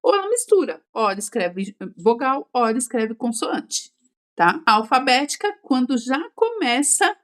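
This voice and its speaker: A woman teacher giving an exam-prep lecture, explaining step by step and checking in with quick tag questions. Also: sits high, big pitch swings.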